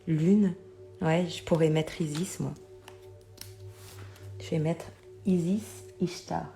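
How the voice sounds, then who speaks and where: A woman's voice: low-pitched, steady tone, slow, vocal fry, dark tone, soft background music. A middle-aged woman chatting casually to viewers about oracle cards, often checking they follow her with little asides. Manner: chatty, keeps addressing viewers, many fillers. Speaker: oracle card reader.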